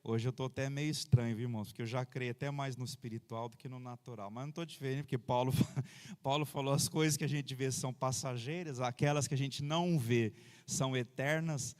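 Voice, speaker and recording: Pastor preaching in a reverberant church. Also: male voice, medium pitch, steady tone, a little fast. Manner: conversational preaching, frequent amens and hallelujahs. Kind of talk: sermon. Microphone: handheld microphone.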